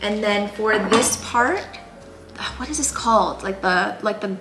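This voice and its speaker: With music in the background, a young woman from San Jose, California speaks at a measured pace and medium pitch while hosting a casual cooking tutorial in her home kitchen. She's chatty, rambling and full of fillers. Pots, dishes and knife clicks clatter in the echoey space.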